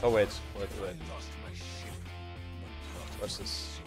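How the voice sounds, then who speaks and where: A man streaming a game on a headset mic, reacting with excitable swearing and laughter. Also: on the low side, very slow. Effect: livestream headset mic audio. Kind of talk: live gameplay commentary. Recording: streamed voice with game music behind. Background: game music.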